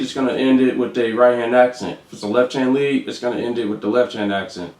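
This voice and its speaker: A man teaching drum rudiments, counting beats aloud in a casual, unhurried way with some fillers. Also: medium pitch, darkish tone, reverberant. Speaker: drum instructor.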